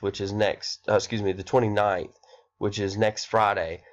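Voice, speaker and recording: A man with a cold talks students through a course overview. His stuffy, nasal voice sits fairly low, and he rambles, fills pauses with uh and um, and corrects himself as he goes. The recording sounds dull and lo-fi. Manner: rambling, filler-heavy, self-correcting. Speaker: math instructor.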